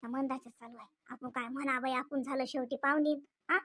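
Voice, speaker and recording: A woman voicing a timid elderly man who is a guest in the house in an animated comedy, muttering worriedly under his breath. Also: high voice, fairly quick, voice pushed down. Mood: hushed fretting.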